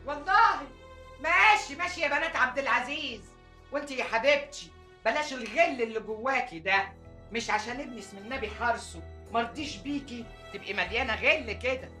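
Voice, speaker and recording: A meddling, bright-voiced Egyptian aunt. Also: female voice, fairly high pitch, faint music behind. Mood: scolding, furious. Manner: scolding, fast, shouting in quarrels. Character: grieving, meddling aunt, loud and quick-tempered.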